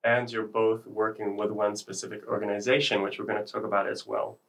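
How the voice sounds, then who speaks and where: A man's voice: lowish voice, level tone, brisk, vocal fry, a bit bright, rough recording. A man hosting a university podcast in a studio, introducing the show and asking guests upbeat questions. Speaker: podcast host. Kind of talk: scripted podcast intro and interview.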